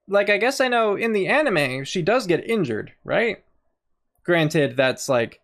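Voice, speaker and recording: A woman commenting casually on a game as she plays, thinking aloud in a chatty way. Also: lowish voice. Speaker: game streamer. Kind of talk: casual let's-play commentary.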